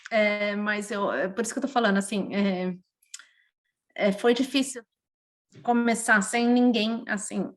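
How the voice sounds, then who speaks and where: A woman's voice: medium pitch, measured pace. A woman from Brazil, speaking with a Brazilian Portuguese accent, tells personal stories as a guest in a casual podcast interview. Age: adult, mother of a young child. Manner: lively, emotional personal storytelling.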